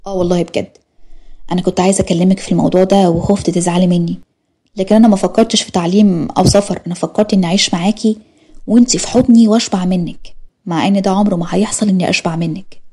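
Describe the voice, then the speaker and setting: A woman's voice: on the low side, fairly even intonation, fast, warm tone, breathy edge. A woman doing a tender young Egyptian husband. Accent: Egyptian Arabic. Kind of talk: audio story reading.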